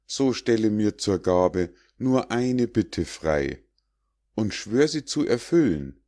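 A man's voice: fairly low pitch, lively intonation, takes it slowly, mellow, voice pushed up. A man voicing a tiny, frightened male dwarf who pleads in a raised, desperate voice. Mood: pleading.

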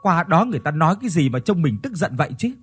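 A man's voice: a little high, very animated, racing, slightly rough, faint music behind, pitched above the performer's own voice, exaggerated voice. A man voicing an anxious, fretting village wife and mother in a ghost story. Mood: alarmed. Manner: fretting, wailing.

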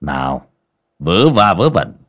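A no-nonsense village shaman with a lowish, earthy voice, brisk and blunt, as a storyteller plays him. He gives orders and scolds without ceremony. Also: expressive, fairly bright tone. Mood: brusque.

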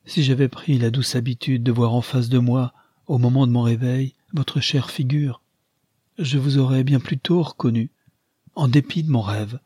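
A man's voice: mid-range voice, fairly even intonation, normal speed, dark tone, slightly rough, no echo, lightly acted. A man voicing a frail, feverish dying mother who pleads anxiously in an audiobook. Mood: tender.

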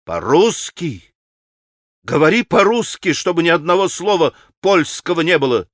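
Storybook role: furious proud young woman, read by a man, raised shrill voice. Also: expressive, unhurried, a bit bright, no room sound, studio quality.

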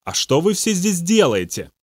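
A man's voice: high-pitched, big pitch swings, moderate pace, no room sound, studio quality, pitched above the performer's own voice. Man reading an earnest questioning believer. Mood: probing.

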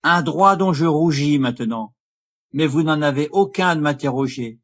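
A man reading an audiobook, voicing a hot-tempered young nobleman with a raised, husky voice. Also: on the high side, normal speed, a bit bright, highs cut off. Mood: indignant. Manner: heated, emphatic, raised voice.

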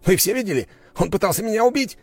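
A man's voice: high-pitched, lively intonation, fast talker, a little mellow, dry recording, pitched above the performer's own voice. A man voicing an arrogant, hysterical male aristocrat who screams and stammers in accusation. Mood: shrieking rage.

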